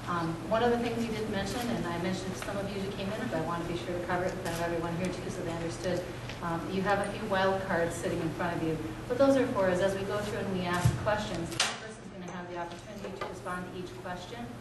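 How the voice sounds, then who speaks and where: A woman moderator explains the forum rules quickly and in an organized way. She has a lowish voice and sounds very echoey, as if heard from across the room, with loud background noise. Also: steady tone, recorded from a distance. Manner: brisk, organized, instructive.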